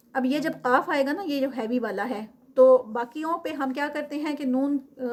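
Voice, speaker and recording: High-voiced woman teaching recitation. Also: darkish tone. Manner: patient step-by-step explaining, slow drawn-out sample recitations. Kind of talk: explaining tajweed rules.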